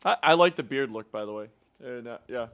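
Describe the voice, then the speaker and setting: A man's voice: mid-range voice, animated, fairly quick, a bit bright. A man hosting a casual hockey news segment, upbeat and teasing his co-host, with plenty of filler words. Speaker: show host. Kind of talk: casual sports news chat.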